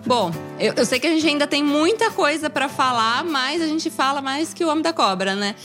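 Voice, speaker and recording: Female podcast host, playful interviewer, bright high voice. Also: lively intonation, moderate pace, music in the background. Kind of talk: casual podcast chat.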